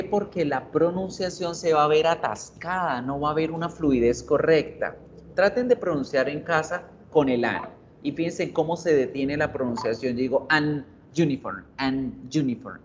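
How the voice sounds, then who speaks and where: Man, teacher, online lesson, patient, repeats words slowly, medium pitch, muffled call audio. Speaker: English teacher. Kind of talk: online class explanation. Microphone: computer mic on video call. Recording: dull audio with faint noise.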